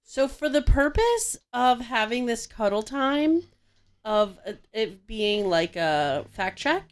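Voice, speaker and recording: A woman's voice: fairly high pitch, very animated, takes it slowly, clear, resonant tone. A woman hosting a podcast, chatting casually in a sick voice and often restarting her sentences. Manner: chatty, with frequent restarts and self-corrections. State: sick, congested voice. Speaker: podcast host.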